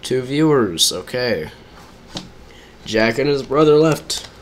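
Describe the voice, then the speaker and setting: Male streamer, medium pitch, casual running commentary to chat, faint typing underneath. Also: lively intonation, takes it slowly, slight background noise. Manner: chatty, talks to viewers between game reactions. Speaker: live streamer.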